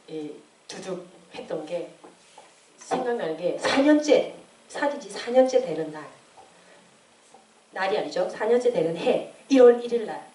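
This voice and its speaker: A woman in her late twenties giving a personal testimony at church, telling her story in an animated way and acting out the voices she quotes. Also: fairly low pitch, a little hiss or hum. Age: late 20s. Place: church hall. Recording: echoey room, distant mic.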